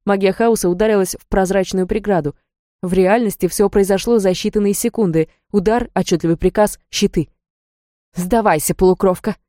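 A woman narrating a first-person story in a steady, even storytelling manner. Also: medium pitch, a little fast, no room sound, clean studio sound. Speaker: audiobook narrator.

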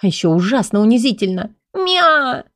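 A woman narrating a first-person audiobook in a lively, playful storytelling manner. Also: mid-range voice, moderate pace, no room sound, studio quality.

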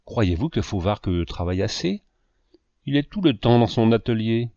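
Scheming self-pitying suitor, voiced by a male reader, insistent, flattering, low voice. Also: normal speed, no echo. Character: scheming, self-pitying grown man, a would-be seducer. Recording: dull lo-fi dry recording.

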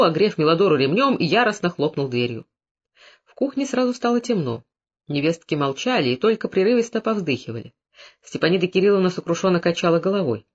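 Audiobook narrator, steady even storytelling, medium pitch, slightly dull muffled recording.

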